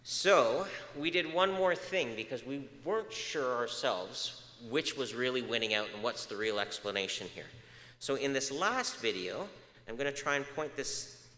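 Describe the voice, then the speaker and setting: A research speaker gives a public lecture in a large, echoey hall, asking the audience questions and using many "uh" fillers. His mid-range voice has lively intonation, normal speed and a sharp tone. He sometimes drifts off the microphone, and the hall's reverb is audible.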